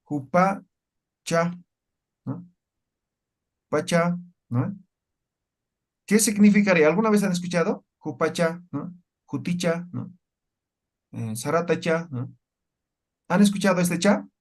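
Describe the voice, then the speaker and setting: A man teaching a language class in a fairly high voice. He walks through each point slowly and keeps tossing short checking questions to his students. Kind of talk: classroom lecture.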